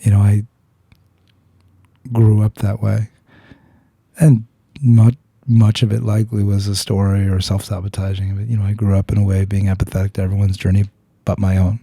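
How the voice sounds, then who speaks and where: A podcast host candidly relates a personal story to his guest at a moderate pace, his lowish voice monotone, creaky, dark and slightly rough. He is earnest, pauses to find words, restarts frequently, and curses bluntly. There's no room sound in the recording.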